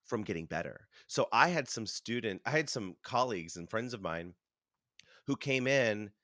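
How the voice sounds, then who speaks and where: Lively low-voiced man telling stories. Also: moderate pace, no room sound, studio quality. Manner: animated storytelling, acts out voices, chuckles. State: chewing food while talking. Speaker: interview guest, Broadway performer. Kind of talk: casual conversational interview.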